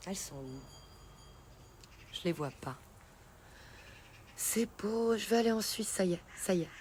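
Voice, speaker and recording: A woman's voice: mid-range voice, expressive, a little slow, a little mellow. A woman hosts a casual live stream, chatting and laughing with her viewers. Her talk is loose and friendly, and she reacts to the chat as she goes. A faint noise sits behind her voice. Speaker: livestream host.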